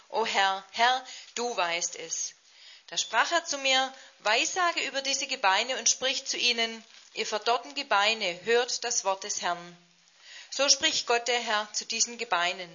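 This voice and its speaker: Bright-voiced woman reading solemnly. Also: fairly high pitch. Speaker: interpreter and scripture reader. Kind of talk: scripture reading and sermon interpreting. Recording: muffled lo-fi.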